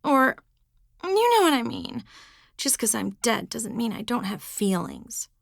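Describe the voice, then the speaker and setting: A sarcastic dead teenage girl, lifted high and teasing, as a woman narrator puts her on. She needles and mocks in a bright, bouncy tone. The audiobook recording is close and dry. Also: very animated, a little slow, vocal fry, dry recording, full character voice.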